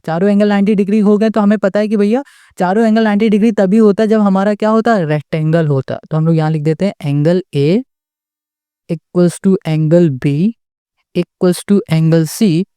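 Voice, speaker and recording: A patient maths tutor walks through a problem step by step. The voice is warm and mellow. The tutor keeps asking rhetorical questions, checks in after every point, and is recorded dry and close with no room sound. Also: medium pitch, measured pace, smooth, no echo. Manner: asks the class rhetorical questions and checks in with "okay?" often; patient and repetitive, restating each step.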